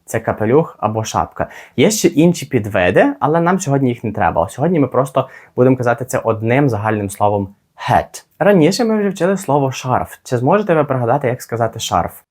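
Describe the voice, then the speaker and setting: A man teaching a spoken English lesson, modelling phrases slowly and carefully for listeners to repeat. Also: medium pitch, expressive, a little mellow.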